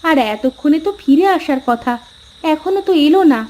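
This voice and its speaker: A woman's voice: high-pitched, lively intonation, moderate pace, a little mellow, dull audio. A woman voicing a caring, patient village wife and mother in a cartoon, soothing and reassuring. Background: faint music.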